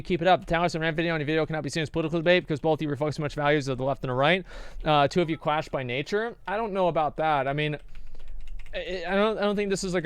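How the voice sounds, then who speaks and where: Fast-talking male streamer, smooth dry voice. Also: fairly high pitch, no echo. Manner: rambling, hesitant, repeats words. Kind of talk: casual livestream chat reading donations.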